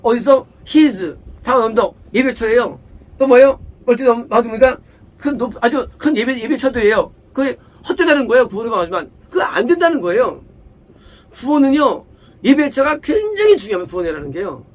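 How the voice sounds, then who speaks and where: A man with a strikingly high voice preaches an expository Bible sermon. He talks in a plain conversational way, over and over tossing rhetorical questions like "what is it?" to his listeners. He repeats key words to drive his point home. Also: big pitch swings, fairly quick. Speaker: pastor.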